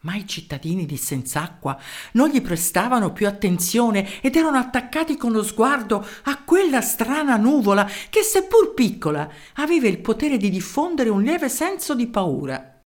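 Higher-voiced woman reading a story aloud. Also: normal speed. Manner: expressive, with sound-effect words and voiced quotes.

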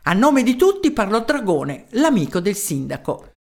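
A woman reading a children's story aloud, expressive and lively, voicing the characters' lines and sound effects. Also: mid-range voice, normal speed. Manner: expressive, with sound-effect words and voiced quotes.

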